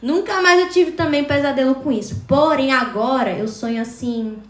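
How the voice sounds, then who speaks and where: A woman's voice: high-pitched, normal speed, roomy sound. A woman telling a personal story casually to her live viewers, acting out the voices from her dream. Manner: animated, acts out quotes from her dream. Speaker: TikTok live streamer.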